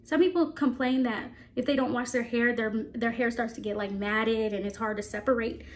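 Woman rambling casually to her viewers, bit stuffy from allergies, voice on the higher side. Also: steady tone, moderate pace, slight background noise. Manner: chatty, rambling, laughs often. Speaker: vlogger. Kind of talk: casual chat to camera.

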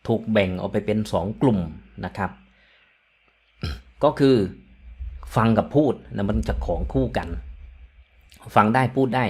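A man's voice: on the low side, measured pace, pauses often, darkish tone, slightly rough. A man hosting his channel, talking casually and rambling, with many fillers, repeated words and polite particles. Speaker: channel host sharing his language-learning path. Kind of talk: casual talk to camera.

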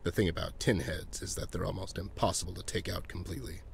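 Gravelly, very deep teddy bear detective, curt and bossy. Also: male voice, fairly even intonation, quick pace, slight background noise. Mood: sardonic.

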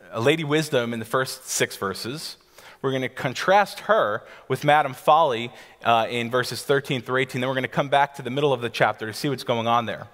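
A man in his thirties, a pastor, speaks in a slightly high, fairly bright voice as he preaches on a church stage to a seated congregation. Teacherly in manner, he helps listeners picture scenes, with some restarts, and the church's long hall reverb carries his voice.

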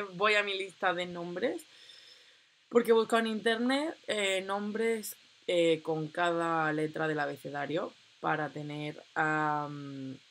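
A young woman, chatting excitedly and reading game options aloud as she plays. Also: mid-range voice. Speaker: gameplay commentator. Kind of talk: casual let's-play commentary.

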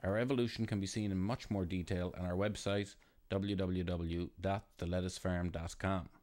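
A man reading a scripted, formal narration in a measured way. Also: deep voice, fairly even intonation, a little mellow.

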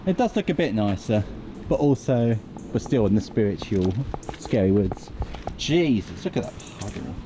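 Lowish in pitch and animated at a normal speed, this vlog host films himself on a handheld camera while walking through muddy woods. He speaks casually, hesitating and interrupting himself, with noisy outdoor audio.

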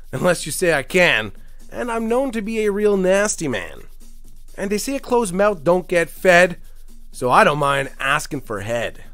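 Deadpan man reciting lyrics, lively pitch. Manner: mock-serious, dry commentary between lively recited lines. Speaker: podcast host. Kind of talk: deadpan comic reading of rap lyrics.

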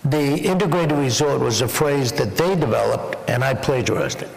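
A man's voice: medium pitch, animated, normal speed, gravelly. A man answering questions as the honored guest at an onstage dinner interview, wry and joking. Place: large banquet hall. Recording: echoey banquet hall.

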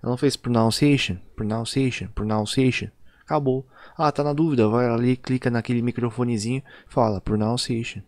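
A man with a Brazilian Portuguese accent teaching an online lesson in a chatty way, often ending lines with little tag questions and stretching example words out slowly. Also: medium pitch, steady tone, a little mellow, no echo. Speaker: English teacher. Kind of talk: casual online video lesson.

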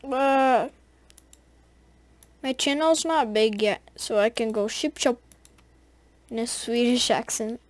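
A woman's voice: on the high side, slow, pauses often. A woman giving casual gameplay commentary, rambling and chatty as she talks straight to her viewers. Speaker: gaming video creator.

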